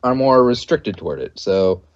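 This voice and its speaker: A man's voice: lowish voice, lively intonation, moderate pace, highs cut off. A young man from the United States co-hosting a gaming podcast, rambling nervously with many fillers and restarts. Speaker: podcast co-host. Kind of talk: casual chat.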